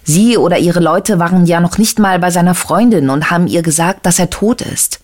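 A man's voice: high-pitched, normal speed, darkish tone, lightly acted. A reader voicing an insistent, agitated male detective who keeps pressing with questions, in an audiobook. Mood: probing.

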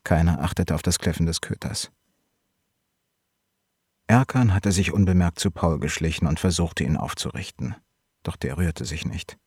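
A man narrating a novel in an audiobook reading, with steady, measured storytelling and a husky voice. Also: low-pitched, dry recording, clean studio sound.

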